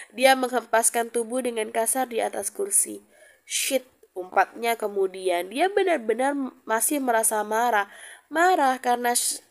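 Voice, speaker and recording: A woman narrating a story aloud in a calm, even reading voice with small slips. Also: a little high, vocal fry.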